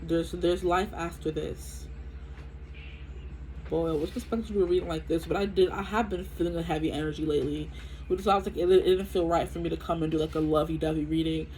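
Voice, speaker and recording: This twenty-something tarot reader speaks in a low-pitched, steady, mellow voice, going a little fast through a casual reading to camera. She rambles chattily with many fillers, her nose stuffy from allergies. There's slight background noise and the recording is rough.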